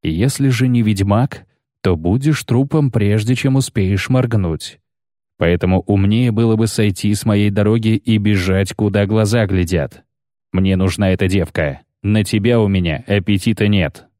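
A man's voice: fairly low pitch, moderate pace, dark tone, no echo, clean studio sound, lightly acted. A man voicing a menacing older bounty hunter who growls and sneers.

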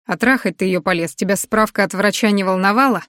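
A woman reading the part of a gruff, stern husband in an audiobook, voice lowered and curt. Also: fast talker, a bit bright, no echo, studio quality, lightly acted.

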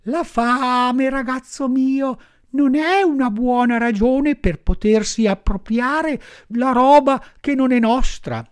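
A small, kind female firefly speaks in a high, drawn-out voice, pitying yet firmly moralizing, as a man reading a storybook puts her on. She sounds airy and thin, with slow, lingering words. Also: smooth. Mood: scolding. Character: kind little female firefly, gentle and scolding.

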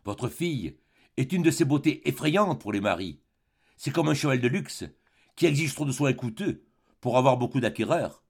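A man's voice: medium pitch, expressive, moderate pace, a little mellow, husky. A man doing a smug, pompous schemer. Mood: insinuating. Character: scheming pompous former perfumer, vengeful suitor.

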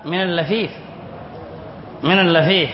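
A man's voice: sits high, normal speed, a little hiss or hum. A sheikh teaching Arabic spelling rules in a classroom lesson, reading from a text and explaining it, repeating key words and quizzing his students. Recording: echoey hall, dull lo-fi sound.

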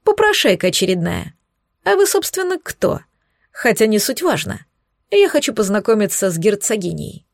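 A woman voicing an arrogant young female countess who talks down to everyone in a shrill, indignant way. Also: big pitch swings, normal speed, vocal fry, no room sound. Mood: haughty, indignant. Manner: haughty, indignant, squealing.

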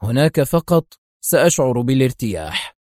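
A man reading the lines of a cool, stern male secret agent in an audiobook, calm and measured. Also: mid-range voice, no room sound, clean studio sound, close to an everyday voice.

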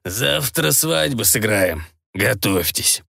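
A man's voice: on the low side, animated, slow pace, gravelly, pushed and bright, dry recording, studio quality, heavily acted. A man reading an audiobook and voicing a grey-haired old tsar who speaks curt and decisive.

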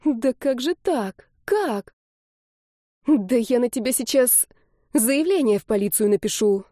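A woman's voice: lively intonation, unhurried, mellow, no echo, studio quality. A woman doing a furious hissing young woman. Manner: hissed insults, shrill outbursts.

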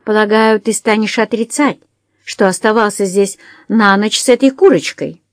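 Drunk, spiteful society lady, read by a woman, shrill jeering insults, dry close sound. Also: no room sound, close to an everyday voice. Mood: furious. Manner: shrill, jeering, slow and scornful.

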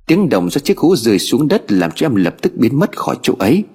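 A man narrating a ghost story in an expressive, dramatic reading style. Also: medium pitch, fairly quick, slightly rough, big-room sound.

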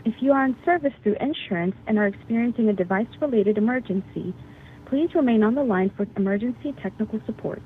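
Recorded phone menu voice of a woman. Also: fairly high pitch. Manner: measured, evenly paced reading. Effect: recorded phone menu message. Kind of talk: automated phone menu announcement. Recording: tinny phone line with faint hiss.

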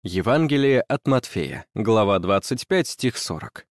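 A man narrating a first-person story in a measured, even reading. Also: fairly low pitch, no room sound, clean studio sound.

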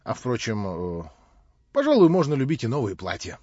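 A man's voice: mid-range voice, huge pitch swings, normal speed, dry recording. A man doing a fussy, teasing old doctor. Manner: gently teasing, mock-stern. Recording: dull lo-fi recording.

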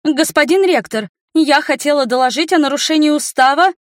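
A woman voicing a spiteful young woman student, a fire mage, who whines and stammers in a shrill voice. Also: a little fast, no echo, clean studio sound, lightly acted. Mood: shrill, whiny.

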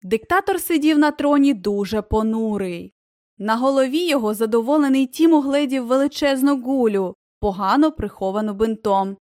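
A woman giving a gentle, expressive scripted reading of a children's tale. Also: fairly high pitch, normal speed, dry recording, studio quality. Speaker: audiobook narrator.

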